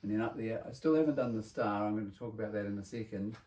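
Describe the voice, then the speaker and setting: Talking fast in a voice on the low side, a man presents a workshop vlog to kids in the guise of a builder. His delivery is bright and party-host-like, with simple explanations and tag questions to check in.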